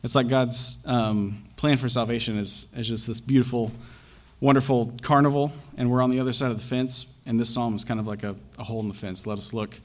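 A young man preaching a sermon, talking in a halting way with frequent fillers and restarts. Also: medium pitch, fairly even intonation.

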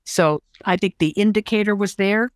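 An enthusiastic woman in her sixties tells stories as an interview guest, expressive and warm in her phrasing. Her voice sits at a middle pitch, recorded dry and close with no room sound. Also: normal speed, no echo. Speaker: interview guest, social worker and counselor. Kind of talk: casual conversation.

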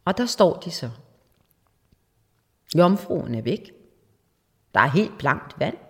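Lively Danish-speaking storyteller woman in a hall. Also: lowish voice, breathy edge. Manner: lively, dramatic retelling with asides and humor. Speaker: speaker explaining a folk ballad. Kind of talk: informal storytelling lecture. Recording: long hall reverb.

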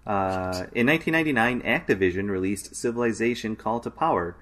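A man's voice: on the low side, fairly quick, a bit bright. A man co-hosting a podcast, reading trivia aloud in a dry, matter-of-fact way. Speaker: podcast co-host.

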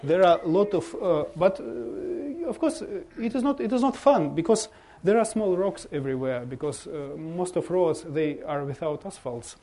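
A man from Russia with a Russian accent gives an informal slideshow talk as a visiting bishop, speaking halting non-native English and searching for words. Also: a little high, expressive, mellow. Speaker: bishop giving a guest presentation.

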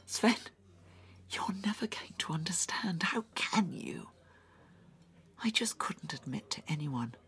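An actress voicing a traumatized woman recounting a brutal attack, halting and often dropping into whispers, in an audio drama. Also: extremely low pitch, animated, vocal fry, slightly rough, exaggerated voice. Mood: distressed.

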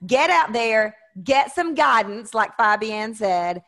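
A woman hosting a casual interview, effusive in her talk and quick to joke about herself. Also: a little high, lively intonation, a bit bright. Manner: effusive, self-joking. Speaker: show host.

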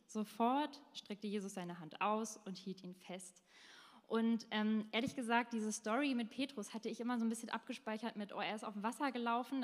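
A young adult woman giving a casual devotional talk, chatty, with many fillers and slang. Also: on the high side. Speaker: speaker of a short devotional talk. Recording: long reverb in a hall.

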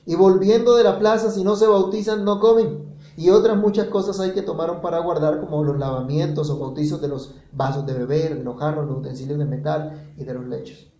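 A man's voice: fairly high pitch, fairly even intonation, a little fast, few pauses, warm tone, roomy sound, rough recording. A man preaching a sermon, reading verses aloud and putting questions to his listeners.

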